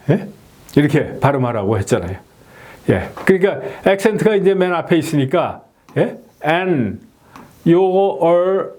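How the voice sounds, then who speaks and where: A middle-aged man explaining English pronunciation in a lesson, often checking in with a quick rhetorical "yes?". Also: fairly high pitch. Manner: animated, frequent rhetorical "예?" checks.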